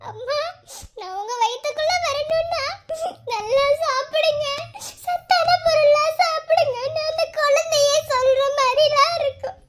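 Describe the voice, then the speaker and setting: Cartoon role: tearful young wife, Madurai Tamil accent, whiny sobbing scolds, very high pitch. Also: female voice, a little slow. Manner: sobbing, scolding, childlike whine. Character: tearful young wife grieving a lost baby. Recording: loud background noise.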